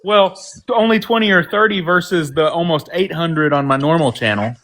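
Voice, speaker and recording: A man's voice: a little high, moderate pace, a bit bright. A man from Texas with a mild Texan accent, hosting a casual group chat and telling rambling stories. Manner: rambling, storytelling with restarts.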